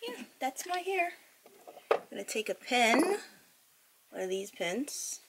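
In this vlog, a woman in her twenties talks casually with viewers and laughs a lot, her voice on the high side, sing-song and a little slow. The camera audio, captured at arm's length, carries clear background noise as she moves between a small bedroom and city streets.

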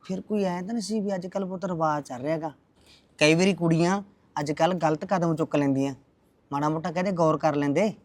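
A man playing a grumbling old village father, suspicious and self-pitying, who talks in a slow, heavy, complaining way. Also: fairly high pitch, darkish tone, close to an everyday voice. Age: older. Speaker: father-in-law.

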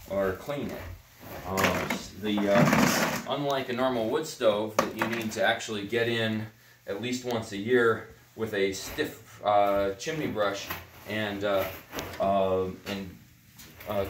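A lowish-voiced middle-aged man, a natural builder, dismantles a cob heater beside it in a barn workshop, explaining in a rambling way with many ums and uhs. Background noise is present, and the indoor space gives a roomy echo.

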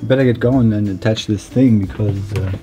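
A young man giving a relaxed, chatty walkthrough of his camper van build, recorded on a camera mic in a small wood-panelled van. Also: on the low side, normal speed, soft background music. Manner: relaxed, chatty, many fillers. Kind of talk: casual vlog walkthrough.

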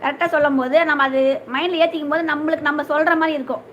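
A woman's voice: high-pitched, fairly even intonation, very fast, lo-fi sound, a little hiss or hum. A young woman hosting a casual live stream, greeting viewers by name and asking whether they have eaten.

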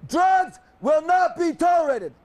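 An American man working as a military drill instructor, shouting clipped commands like a barking officer. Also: very high voice, expressive, unhurried. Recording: loud recruit crowd noise, on-location.

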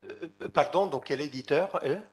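Man, fairly high voice, moderating a conference q&a, halting. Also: rough recording. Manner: halting, stumbles over words.

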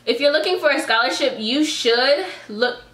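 A young woman in her twenties talks casually to her viewers, pregnant and a little out of breath. Her voice is bright and sits a bit high. The room around her rings with echo. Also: lively intonation, moderate pace. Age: 20s. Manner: chatty, drawling, says "y'all" and "girl". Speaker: YouTuber giving advice. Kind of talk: casual vlog chat.

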